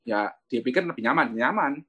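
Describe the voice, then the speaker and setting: A man's voice: mid-range voice, expressive, brisk, bright, forceful tone, slightly rough. A man, an insurance agent giving a chatty motivational talk about his own experience and often addressing his listeners as friends.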